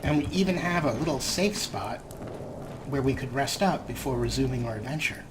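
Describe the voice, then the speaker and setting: A let's play host offers casual, wry commentary on a game and teases the characters as if talking to them. His voice is mid-range at a normal speed, and the noisy recording carries game ambience behind him.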